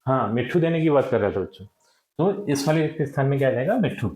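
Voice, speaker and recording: A man's voice: medium pitch, sing-song, quick pace, a little mellow. Echoey patient man teaching children. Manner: patient, checks with repeated "ठीक है" and questions. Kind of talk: explaining a textbook lesson to children.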